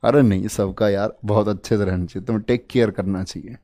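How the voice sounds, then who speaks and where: This man speaks fast in a lowish, mellow voice with a steady tone. His exam-prep lesson is casual and playful, full of jokey tricks to help students remember. He's talkative and addresses the listeners as "bhai."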